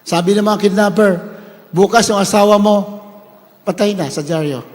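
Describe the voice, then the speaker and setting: Male preacher, high-pitched, storytelling sermon with shouted peaks; long hall reverb. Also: moderate pace. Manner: swings from hushed retelling to shouted praise.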